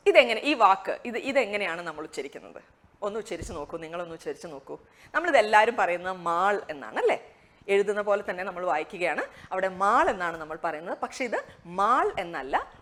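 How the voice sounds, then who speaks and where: Lively-voiced woman teaching pronunciation. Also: mid-range voice. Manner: conversational, asks rhetorical questions, slows on target words. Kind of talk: explanatory lesson.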